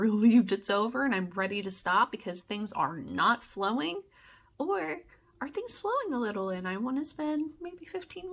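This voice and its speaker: A woman vlogger with a slightly husky voice, giving upbeat, tidy, step-by-step advice straight to her viewers. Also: medium pitch. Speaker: productivity tips vlogger. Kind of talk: advice vlog, explanatory talk to viewers.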